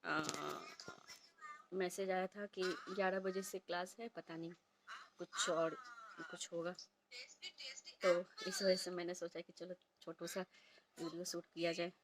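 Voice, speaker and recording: A woman in her thirties chatting softly in a casual home vlog, recorded at home on a phone set a little way off. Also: fairly low pitch, level tone, unhurried, long pauses, noisy background. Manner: speaks softly and quietly. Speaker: vlogger and homemaker. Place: indoors at home. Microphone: phone placed a little way off.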